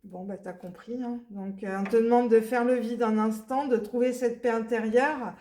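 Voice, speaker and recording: A woman's voice: fairly high pitch, steady tone, normal speed, warm tone. A woman giving a casual spoken card reading, rambling with many fillers and blunt asides. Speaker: tarot reader.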